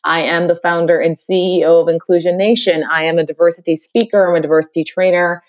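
A middle-aged Caribbean woman, a diversity consultant, speaks energetically as a podcast interview guest and often repeats her phrases. Her voice is on the low side and steady in tone, and she talks fast; the audio is dull with no echo.

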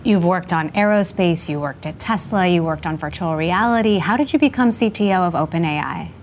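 A woman's voice: lowish voice, brisk, a little hiss or hum. A woman interviewer asking curious, conversational questions.

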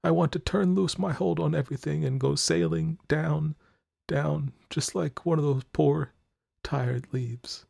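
A man voicing a sick young woman who speaks softly and wearily, raised in pitch from his own voice. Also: fairly even intonation, unhurried, creaky, breathy edge, dry recording, studio quality, full character voice. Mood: weary. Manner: soft, quiet, resigned. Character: gravely ill young woman, weary and hopeless.

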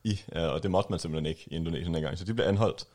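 A man's voice: low voice, darkish tone. A man presenting music in a casual studio chat, talking with frequent hesitations. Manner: hesitant, many fillers and laughs.

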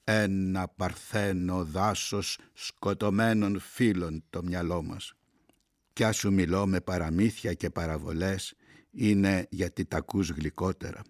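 Low-voiced man reading poetry gravely. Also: a little mellow, dry recording, clean studio sound. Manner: slow, grave, deliberate phrasing with long pauses. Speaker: poetry reader.

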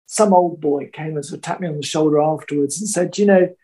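A man with a notably high, husky voice, chatting reflectively. He tells stories at an easy pace and mulls over his points aloud. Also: brisk, dark tone. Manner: reflective, anecdotal. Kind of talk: casual chat.

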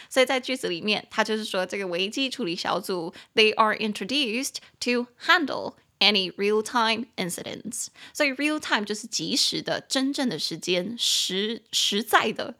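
Young female English-lesson host: playful, animated, slows down to drill words. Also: medium pitch. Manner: playful, giggly, spells and repeats English words slowly. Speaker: English teacher and podcast host.

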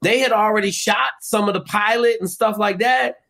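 A man who coaches football, telling stories as a guest in a profane, punchy, animated way. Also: high voice, normal speed, gravelly. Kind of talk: casual storytelling.

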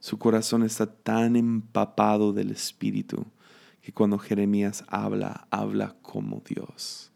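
A man's voice: lowish voice, completely flat delivery, unhurried, creaky, a little mellow. A man with a Mexican accent, teaching a conversational sermon in a reflective, chatty way. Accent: Mexican Spanish. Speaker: preacher.

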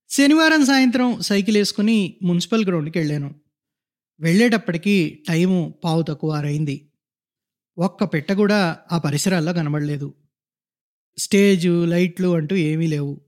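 A man with a notably high voice narrates a literary short story. He reads in a measured, descriptive way and lets each scene unfold steadily. The tone is that of a scripted storytelling reading. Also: darkish tone.

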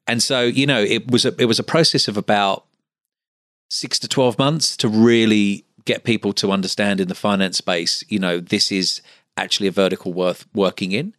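In a dry, clean studio recording, a middle-aged man with an Essex accent speaks at a moderate pace in a deep, somewhat bright voice. He's a medical finance business owner appearing as an interview guest, chatting casually in fits and starts.

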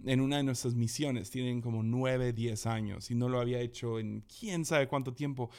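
A young adult man tells stories casually and with plenty of animation, acting out what people said and laughing frequently. His voice is mid-range and his pace moderate.

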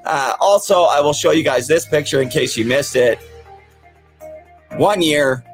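A man's voice: on the high side, measured pace, faint music behind. A man with the toothless speech of someone missing his teeth, hosting a podcast and talking casually, earnestly and plainly to his viewers. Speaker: podcast host. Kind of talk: casual, sincere talk to viewers.

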